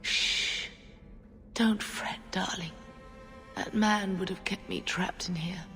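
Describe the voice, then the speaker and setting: A woman voicing a gentle, dying mother in a fantasy video game, halting and soothing, her breathy voice fading toward a whisper. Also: mid-range voice, fairly even intonation. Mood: tender, fading. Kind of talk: dramatic video game voice acting. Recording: long echoing reverb, faint music.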